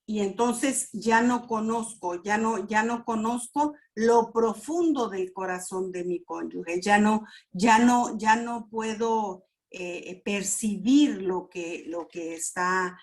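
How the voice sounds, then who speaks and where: Middle-aged woman leading a premarital class at an unhurried pace, repeats herself, acts out little prayers. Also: medium pitch. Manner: slow, repetitive, with sound words and acted prayers. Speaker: premarital counseling teacher. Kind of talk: church class teaching.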